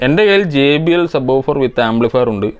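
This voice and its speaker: A man's voice: mid-range voice, lively intonation, measured pace, dull audio. A man from India hosting an electronics repair channel, answering viewer comments with methodical step-by-step technical explanations.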